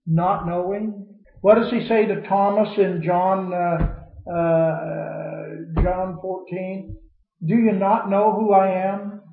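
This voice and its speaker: A man with a high voice leads a Bible study. He quotes scripture and puts questions to the class in a preacherly way. The recording is dull and echoey, as if taken in a church room.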